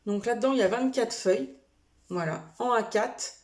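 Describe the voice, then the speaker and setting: With a slightly high, darkish voice at normal speed, a woman chats casually to camera while showing a shopping haul. She sounds hesitant, using many fillers and small self-corrections.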